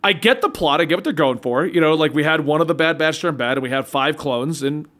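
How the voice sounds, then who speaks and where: A man's voice: a little high, fast talker, a bit bright. A man co-hosting a casual pop-culture discussion, explaining his opinions in a chatty, rambling way. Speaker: show co-host.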